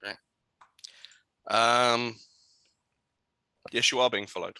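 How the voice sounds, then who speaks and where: A man running a tabletop game as game master, relaxed and full of ums as he describes scenes and rules on rolls. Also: medium pitch, takes it slowly, clear, resonant tone, no echo.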